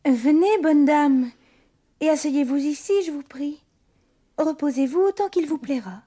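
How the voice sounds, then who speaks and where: Brief: high, mellow-voiced kind young princess, music under. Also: female voice, a little slow. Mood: polite. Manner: sweet, polite, gentle. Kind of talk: storybook record acting.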